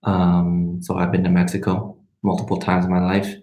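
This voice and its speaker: In an echoing space, a young medical student in his twenties, a native Spanish speaker, rambles through a livestream Q&A, often leaving sentences unfinished. His deep voice is warm but monotone, and he speaks at a moderate pace.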